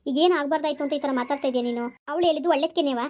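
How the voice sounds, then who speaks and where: A man's voice: very high-pitched, rapid-fire, darkish tone. A man playing a soothing peacemaker son. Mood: coaxing. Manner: soothing and reassuring, repeats 'okay?'. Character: calm grown son, peacemaker between mother and wife. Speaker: village skit actor. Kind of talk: homemade village family drama.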